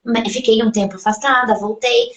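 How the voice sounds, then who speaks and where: Woman host, fairly high voice, reflective chatty tone, roomy echo. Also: fairly even intonation, moderate pace, dull audio, slight background noise. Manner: reflective, chatty, tags lines with "né?". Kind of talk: casual conversation. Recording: echoey room.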